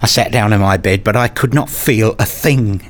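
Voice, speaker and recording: In a radio play, a man with a lowish voice narrates and plays the lead, a brooding husband and father obsessed with rules. His first-person narration and dialogue come at a moderate pace, lightly acted, introspective and pedantic.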